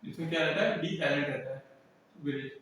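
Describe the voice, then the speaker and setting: A man's voice: fairly high pitch, fairly quick, a bit bright. Guy teaching class, keeps asking then answering himself, faint hiss, roomy echo. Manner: repetitive, asks and answers his own questions. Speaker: English teacher. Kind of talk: classroom lesson. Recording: echoey room, mic far off.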